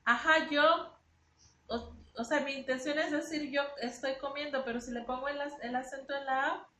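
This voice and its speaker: A high-pitched woman gives a spoken lesson, explaining step by step and often repeating herself. Her voice rings in a reverberant room with a faint hiss behind it. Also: steady tone, fairly quick, fairly bright tone. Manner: explanatory, repeats words while teaching. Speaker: teacher.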